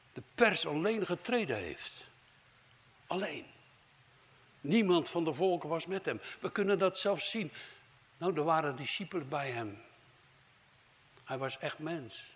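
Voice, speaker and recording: A man's voice: animated, a little slow, pauses often. Fervent preacher, a man. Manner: fervent preaching, swings from loud emphasis to low hushed phrases. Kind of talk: sermon.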